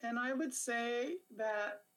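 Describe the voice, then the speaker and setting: A woman committee member giving her opinion in a meeting, speaking deliberately and firmly. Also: fairly high pitch, a bit bright, a little hiss or hum, rough recording. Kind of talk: meeting discussion.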